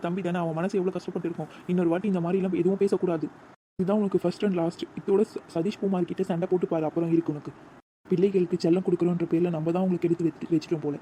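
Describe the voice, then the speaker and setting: A man's voice: sits high, mellow, a little hiss or hum, natural voice. A man voicing a strict but loving village father in a cartoon, scolding his daughter. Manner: stern scolding.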